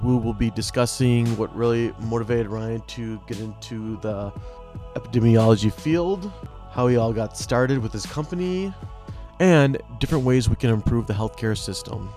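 A man's voice: mid-range voice, darkish tone. A man hosting a podcast, reading an intro and chatting with his guest in an upbeat, friendly way. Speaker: podcast host.

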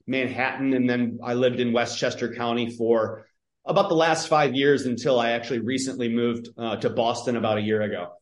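A man's voice: mid-range voice, fairly even intonation, fairly quick, echoey room. A man from northern Michigan, a podcast guest, telling stories in a chatty, casual way with many fillers and restarts. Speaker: podcast guest, public health entrepreneur. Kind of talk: casual conversational interview.

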